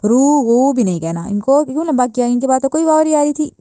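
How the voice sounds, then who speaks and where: A woman with a Pakistani Urdu accent teaches recitation word by word, patiently correcting mistakes and stretching out each word slowly. Her voice sits a little high and sounds mellow. It is recorded dry and close, with no room sound. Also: no room sound. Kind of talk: tajweed lesson, word-by-word correction.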